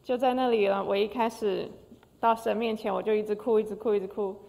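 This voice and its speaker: A woman's voice: medium pitch, steady tone, brisk, vocal fry, dark tone. An older woman, a concert pianist, giving an emotional personal testimony with frequent hesitations. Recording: long hall reverb.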